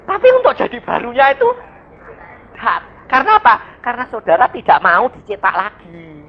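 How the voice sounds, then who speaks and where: Animated man preaching. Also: extremely high pitch, brisk. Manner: lively storytelling, acts out voices and sound effects. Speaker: evangelist preacher. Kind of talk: sermon. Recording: dull lo-fi sermon recording.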